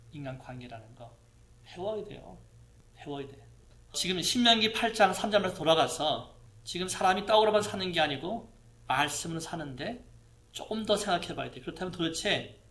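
Guy preaching in church, kinda high voice, chatty, keeps asking the crowd questions. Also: fairly bright tone. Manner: conversational preaching, rhetorical questions to the congregation. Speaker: pastor. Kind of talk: sermon. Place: church hall with a projector.

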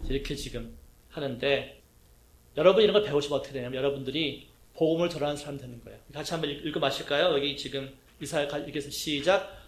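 A middle-aged male pastor delivers a teaching sermon at a fast pace, his voice sitting a little high for a man. He keeps throwing questions to the congregation and acting out little quotes, while the room echoes around him.

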